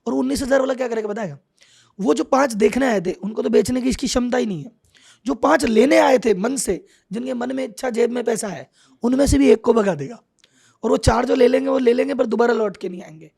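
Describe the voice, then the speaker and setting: A middle-aged man, a business coach, explaining business lessons with animated examples and acted-out quotes. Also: very high voice, fairly quick, gravelly, husky. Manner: animated, acts out quoted thoughts. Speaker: business coach, podcast guest.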